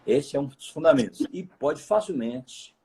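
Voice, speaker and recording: Raspy man, measured guest expert. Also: on the high side, expressive, dark tone. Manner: measured, lecturing. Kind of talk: explanatory conversation.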